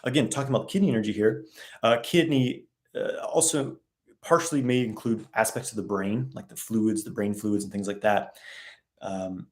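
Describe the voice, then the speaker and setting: A man hosting a casual live Q&A, reading viewer questions aloud and answering in a relaxed, rambling way. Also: on the low side, moderate pace. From West.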